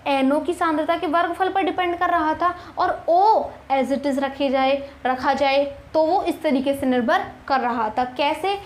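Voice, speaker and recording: A woman's voice: high voice, a little slow, hardly any pauses. A young woman teaching a chemistry lesson, explaining step by step, asking rhetorical questions and reassuring her students. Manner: addresses students as kids, reassuring.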